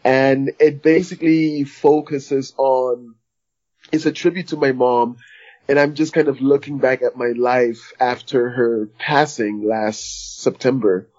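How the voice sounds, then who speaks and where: A man from Liberia, a guest author, telling his story in a relaxed, reflective way over the phone. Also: mid-range voice, a little slow. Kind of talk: phone interview. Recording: dull phone line.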